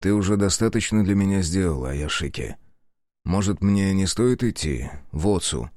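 A glum young samurai with no memory mumbles in a very deep, low voice, as a male audiobook narrator plays him. The sound is close and dry. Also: fairly even intonation, slow pace, no room sound. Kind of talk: audiobook character voice.

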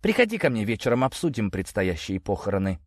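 A man reading an audiobook, voicing a stern, measured older woman heading a family. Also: fairly low pitch, sing-song, breathy edge, no room sound, clean studio sound, heavily acted.

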